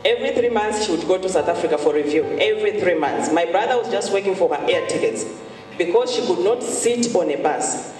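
A woman's voice: lowish voice, animated, a little fast, a little mellow. A woman from Zambia, giving an earnest church testimony and repeating key phrases for emphasis. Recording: echoey hall, far from mic, music behind. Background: music.

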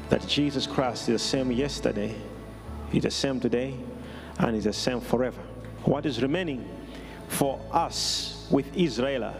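A man, middle-aged, giving a solemn funeral address as a preacher, with measured phrases and deliberate pauses. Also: mid-range voice. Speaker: preacher, bereaved father. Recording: long hall reverb, music behind. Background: music.

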